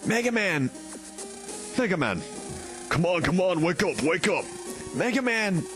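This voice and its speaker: Young boy hero for a game, played by a man: high, excitable, urgent and distraught, over music. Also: unhurried. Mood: desperate, alarmed.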